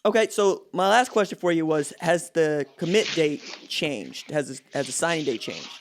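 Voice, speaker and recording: A man's voice: on the high side, expressive, moderate pace, very noisy. A man interviewing someone in a casual, chatty style.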